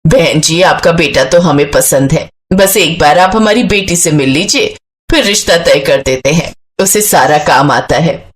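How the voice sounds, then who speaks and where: Woman voicing an older mother-in-law, low matronly voice, measured, firm, storybook figure. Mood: polite.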